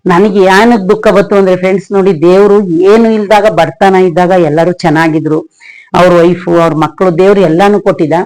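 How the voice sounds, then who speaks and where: A woman's voice: lowish voice, steady tone, normal speed, darkish tone, rough recording. A woman vlogger telling a personal story in a rambling, emotional way, often calling her viewers friends. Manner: emotional, reflective.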